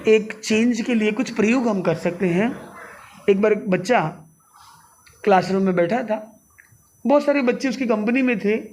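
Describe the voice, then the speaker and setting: High-voiced man giving a playful talk. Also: moderate pace, long pauses, darkish tone. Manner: playful, laughing often, mixes Hindi with English phrases. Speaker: spiritual speaker addressing an audience. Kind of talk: live motivational talk.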